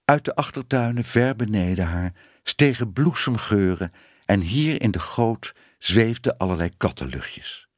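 A man reading a children's story aloud with expressive narration. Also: on the low side, a little slow, no echo, clean studio sound. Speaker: audiobook reader.

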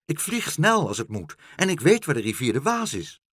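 A man voicing an excitable female bird who is eager to help, in a storybook reading. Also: fairly high pitch, normal speed, slightly rough, no echo, studio quality, voice pushed up, full character voice. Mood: excited. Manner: excited, breathless telling.

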